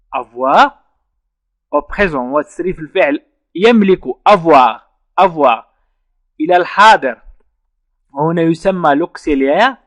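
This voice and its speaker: Man slowly teaching French verbs. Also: fairly high pitch, a bit bright, no echo. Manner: slow, repeats French phrases word by word. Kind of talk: online language lesson.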